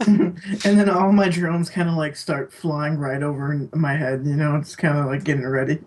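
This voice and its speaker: Higher-voiced, rambling male gamer. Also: fairly even intonation, normal speed, a little mellow, low-quality recording. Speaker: player. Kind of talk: casual tabletop game talk.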